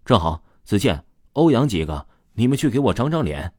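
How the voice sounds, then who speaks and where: A man's voice: lowish voice, big pitch swings, moderate pace, a little mellow, dry recording, clean studio sound. A man voicing a talkative middle-aged male swim coach in a read-aloud story. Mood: cheerful.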